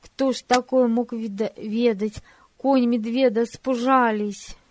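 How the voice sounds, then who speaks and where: A woman's voice: a little high, steady tone, slow pace, no echo. A woman voicing a big, bony peasant coachman who speaks humbly and folksily to his young master. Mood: pleading. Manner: folksy, deferential.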